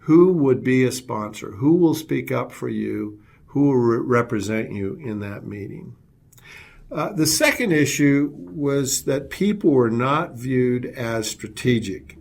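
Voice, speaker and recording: A man's voice: mid-range voice, animated, takes it slowly, gravelly, darkish tone. A man presenting a business webinar as a leadership consultant, telling anecdotes and often repeating words as he restarts.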